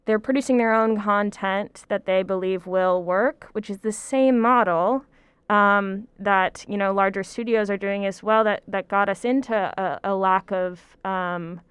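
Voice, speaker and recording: A woman's voice: medium pitch, fairly even intonation, a little slow, smooth, no echo. A woman lecturer talking film on a podcast, thoughtful and hedging, with frequent ums and likes. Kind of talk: casual podcast discussion.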